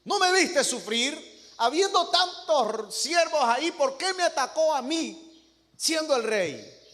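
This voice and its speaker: A man's voice: extremely high pitch, big pitch swings, slow pace, a bit bright, pitched above the performer's own voice, full character voice. A man voicing a proud, indignant king of old who demands answers. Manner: demanding, exclaiming. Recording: echoey church hall.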